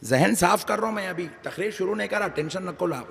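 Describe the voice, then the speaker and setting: A male preacher giving a colloquial, teasing sermon that rises into shouts. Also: high voice, brisk, creaky. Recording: long hall reverb.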